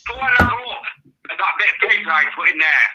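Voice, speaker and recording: A middle-aged man talking on speakerphone in a casual phone chat, excitable and swearing when thrilled. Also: sits high, quick pace, background noise. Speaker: caller's father. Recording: phone line heard through a speaker.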